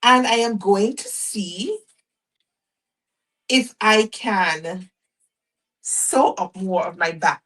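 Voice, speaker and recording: Chatty, husky-voiced woman sewing vlogger. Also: medium pitch, drawn-out words, long pauses, far from the mic, rough recording. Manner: chatty and expressive, breaks into mock-exasperated quoted speech. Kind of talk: casual chat while sewing, reading viewer comments.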